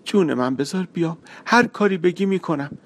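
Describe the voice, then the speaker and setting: A man's voice: high voice, sing-song, darkish tone, voice pushed up. A man reading a story aloud and voicing a stubborn, tearful young woman who pleads to be taken along. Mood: pleading.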